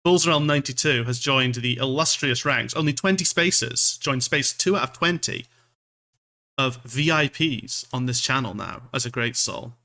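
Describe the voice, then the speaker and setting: A Scottish male VTuber rambles loosely on a livestream in a bright, mid-pitched voice at normal speed. He's self-deprecating and sweary throughout.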